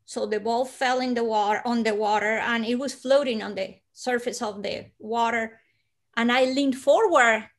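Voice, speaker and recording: A Colombian woman in her forties, speaking with a Colombian Spanish accent, shares a personal story as an interview guest on a video call from her living room. Her voice is a little high, slow and hushed, with soft breathy dips and sudden lifts.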